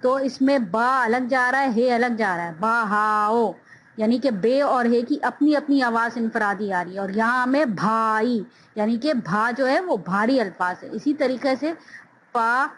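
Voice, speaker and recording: A woman's voice: fairly high pitch, animated, normal speed, few pauses, a little hiss or hum, low-quality recording. A woman teaching a phonics lesson, drawing out each syllable with careful enunciation.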